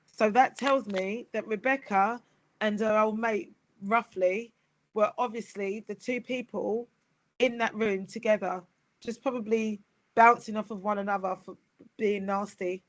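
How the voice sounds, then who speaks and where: A woman's voice: medium pitch, steady tone, a little slow, dry recording. A woman leading a nursery staff safeguarding training session over a video call. She reads policy text aloud and breaks off for chatty asides.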